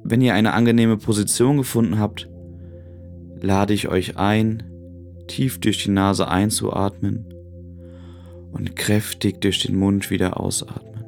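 Man, lowish pitch, creaky fry, calm and soothing meditation guide, long pauses, soft music behind. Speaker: podcast host. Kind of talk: guided relaxation meditation narration.

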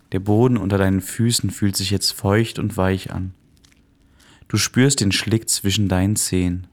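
A man softly and calmly narrating a guided meditation in a soothing manner, as the host of a relaxation podcast. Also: deep voice.

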